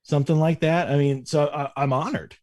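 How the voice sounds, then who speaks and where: A man talking as a podcast guest in a relaxed way, with many fillers and halting starts. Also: fairly high pitch, no room sound, clean studio sound. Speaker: convention director, guest. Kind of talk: casual chat.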